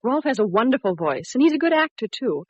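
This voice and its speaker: A woman's voice: a little high, very animated, fast talker, darkish tone, husky, no echo. An actress playing a gracious, polite woman opera singer in 1940s radio drama style. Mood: friendly. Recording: dull, hissy vintage radio recording.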